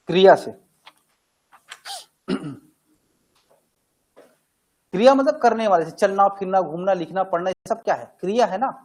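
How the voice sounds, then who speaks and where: A man's voice: high voice, a little mellow, poor audio. A man teaching a grammar class, talking conversationally and answering his own questions. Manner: conversational, asks questions and answers them himself.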